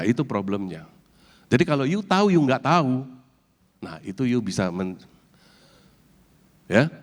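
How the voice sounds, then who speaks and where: A man preaching a sermon as a church elder, animated and talking straight to the congregation with English words mixed in. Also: medium pitch. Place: church hall. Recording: long church-hall reverb.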